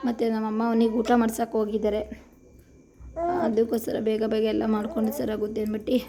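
This cooking vlog is narrated by a woman from Karnataka who speaks with a Kannada accent; she's casual, chatty, and homely at her home kitchen, and repeats her phrases. Her slightly high, mellow voice moves at a quick pace and stays monotone.

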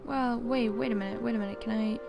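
A woman's voice: fairly high pitch, steady tone, quick pace, vocal fry. A woman giving casual gameplay commentary as a let's play host, musing and thinking aloud. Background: game music.

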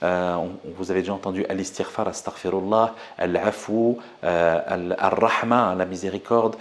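A man teaching an Arabic lesson and drilling words slowly for viewers to repeat. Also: sits low, fairly even intonation. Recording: echoey room.

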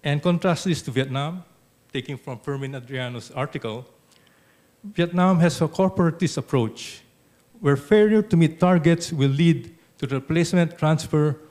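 An older man with a Filipino English accent giving an economics lecture in a measured way, often adding "okay" and a dry touch of sarcasm. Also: on the high side, a little mellow. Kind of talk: academic lecture. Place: auditorium.

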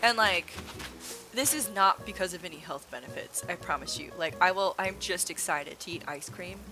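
A woman's voice: lowish voice, normal speed. A woman streaming a game, chatting casually and bubbly, full of "like" fillers and little giggles. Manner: giggles often between sentences. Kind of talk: casual gameplay chat. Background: loud background music.

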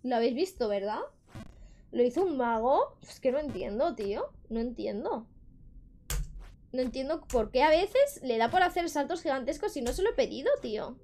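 A woman's voice: high voice, sing-song, normal speed, darkish tone, slight background noise. A young woman with a Spain Spanish accent, chatting on a live gaming stream, frustrated and swearing at the game.

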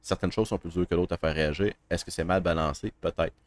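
A man's voice: sits low, steady tone, no room sound. A man with a Québécois French accent, a horror game streamer giving a casual, thoughtful review with many hesitations. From Quebec. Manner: thoughtful, halting, many fillers.

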